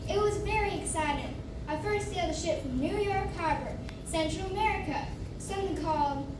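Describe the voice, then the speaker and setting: A woman's voice: extremely high pitch, fairly quick. A young-sounding female performer playing an eager, boastful gold miner in a school stage play, from far off in a noisy echoey hall. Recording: distant mic, echoey hall, loud noise.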